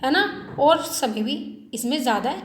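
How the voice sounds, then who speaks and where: A woman's voice: high voice, normal speed. A woman teaching a Hindi lesson to schoolchildren, asking questions and answering them herself, drawing out vowel sounds to show their length. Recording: echoey room with faint noise.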